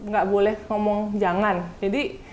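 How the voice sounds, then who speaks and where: A woman's voice: medium pitch, level tone, measured pace, darkish tone. A woman in her thirties chatting casually as a talk show guest, often laughing as she tells stories. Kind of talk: casual chat.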